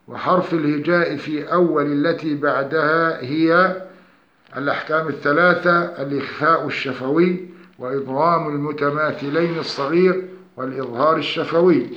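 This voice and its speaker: A man's voice: a little high, sharp tone. A male Quran recitation teacher giving a scripted tajweed lesson, laying out rules point by point in a methodical way. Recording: roomy, dull lo-fi recording.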